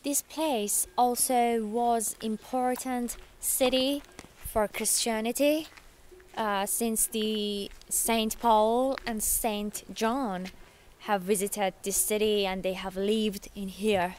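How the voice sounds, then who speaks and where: A woman from Iran gives an unhurried walking tour of ancient ruins. She talks in a chatty, curious way, measured and slow. She is recorded outdoors on a camera held at arm's length, with faint background noise. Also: a little high, steady tone, darkish tone. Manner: chatty, curious, nonnative phrasing. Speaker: travel vlogger. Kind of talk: walking travel vlog tour.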